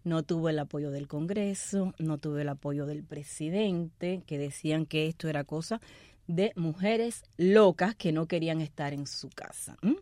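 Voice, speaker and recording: A woman from Cuba, telling a history story in a lively, conversational talk-show way, often turning to the listeners with asides. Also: deep voice, moderate pace, dry recording.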